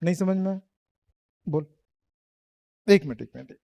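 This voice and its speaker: High-voiced teasing classroom teacher. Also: male voice, unhurried, vocal fry, mellow, no room sound. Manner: teasing, quizzing students, laughs often. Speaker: physics teacher. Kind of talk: classroom lecture.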